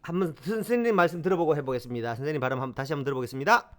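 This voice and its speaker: In a lively homemade language lesson, a male teacher with a fairly high, fairly bright voice races along. He drills phrases aloud and explains words, leaning on frequent fillers and repetition.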